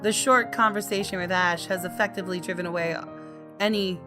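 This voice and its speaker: Over music, a female gaming video host briskly reads visual novel narration with expressive storytelling flair, her voice sitting in the mid-range.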